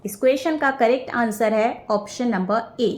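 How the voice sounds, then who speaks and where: A young woman with an Indian English accent, teaching an exam quiz lesson. She reads each English question slowly and deliberately, then explains it in Hindi. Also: on the high side, reverberant.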